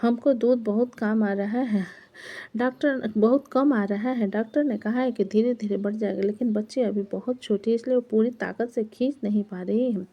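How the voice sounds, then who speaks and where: A woman's voice: fairly high pitch, steady tone, normal speed, muffled recording. A woman reading the lines of a blunt, cheeky young mother in a story, speaking in a sulky way.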